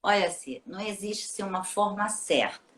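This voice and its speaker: A woman's voice: medium pitch, expressive, normal speed, a bit bright. Woman teacher explaining patiently. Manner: patient, explanatory, frequent tag questions. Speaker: teacher and children's book author. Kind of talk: casual interview on a live stream.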